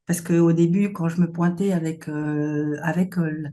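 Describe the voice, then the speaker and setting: A woman's voice: low voice, fairly even intonation, unhurried, warm tone. A woman founder answering interview questions earnestly, with many hesitations. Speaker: company founder, guest.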